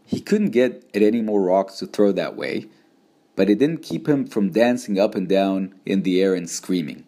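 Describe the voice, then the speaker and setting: A man reads a story aloud in a very deep voice. His narration is steady and measured, told in the first person. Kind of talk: audiobook narration.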